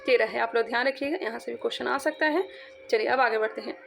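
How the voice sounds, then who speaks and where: A woman's voice: on the high side, vocal fry, soft background music. A woman teaching an exam-prep lesson, repeating points and quizzing her students as she goes. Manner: repetitive, quizzing, drawn-out syllables.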